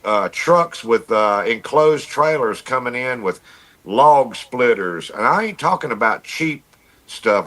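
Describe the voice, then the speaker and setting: With a bright, forceful tone at medium pitch, this plainspoken, folksy man chats on a livestream as a guest. An amateur radio operator, he tells stories casually and keeps repeating himself.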